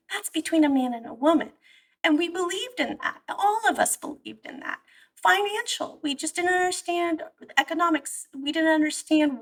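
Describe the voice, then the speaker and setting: A woman's voice: high voice, gravelly, a bit bright, breathy edge, recorded from a distance, poor audio. A woman, born abroad and raised in California, speaking earnestly and emphatically as an interview guest, often restarting her sentences. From born in Iran, raised in the San Francisco Bay Area. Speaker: guest therapist. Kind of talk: conversational interview.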